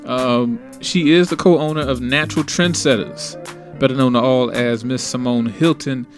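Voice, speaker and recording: A man's voice: mid-range voice, steady tone, moderate pace, faint music behind. A man hosting a radio talk show in a laid-back, rambling way, with many fillers.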